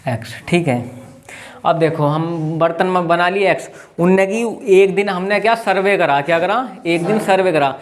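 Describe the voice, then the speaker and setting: A high-voiced man teaches a math class with a tinge. He works through each step aloud and keeps asking his students questions. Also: normal speed. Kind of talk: classroom lesson.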